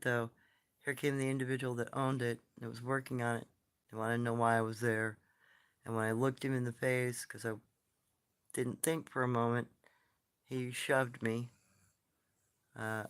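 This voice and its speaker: A soft-spoken man with a medium-pitched, clean voice tells stories and replies to comments during a casual, rambling live stream recorded on his phone.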